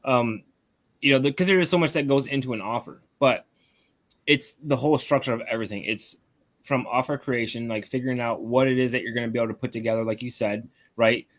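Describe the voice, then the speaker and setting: A man of ordinary pitch coaches an online group over a video call. He talks in a loose, casual way and keeps checking in with his listeners as he explains each step. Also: fairly quick. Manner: casual, tags lines with "right?". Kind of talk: live webinar teaching.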